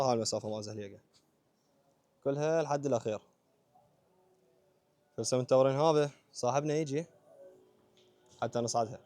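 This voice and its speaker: A man's voice: mid-range voice, darkish tone. A man with an Iraqi Arabic accent narrating a casual vlog, talking informally to viewers and companions in short phrases. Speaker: vlogger.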